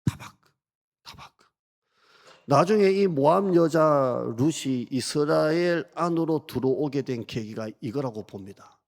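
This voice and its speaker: A man's voice: on the high side, animated, a little slow, gravelly. A man in his fifties, a pastor preaching a conversational sermon and asking the congregation questions.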